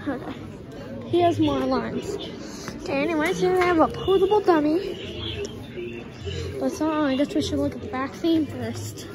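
A woman vlogging a casual walkthrough of a large busy store, rambling and excitable, recorded on a handheld phone. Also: high voice, normal speed, pauses often, rough recording. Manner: excitable, rambling, easily amazed. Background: loud music and crowd.

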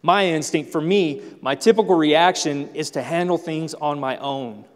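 Male pastor, animated storyteller, slightly high voice, long church hall reverb. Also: moderate pace. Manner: animated storytelling, acts out family scenes. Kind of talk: sermon. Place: church sanctuary.

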